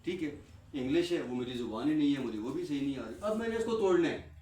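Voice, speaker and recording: This man's voice is on the high side, animated and dark in tone, with a little hiss or hum in the recording. As a guest speaker he delivers a fervent talk to trainees, answering his own rhetorical questions and repeating himself often, captured by a far-off mic in a reverberant room.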